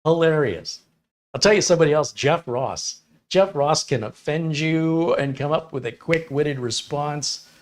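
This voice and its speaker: A man's voice: on the high side, a little slow. A middle-aged man hosting a live stream, chatting casually and rambling through stories, acting out the lines he quotes in different voices. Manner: rambling storyteller who acts out quotes in voices. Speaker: live stream host reading chat. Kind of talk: casual chat.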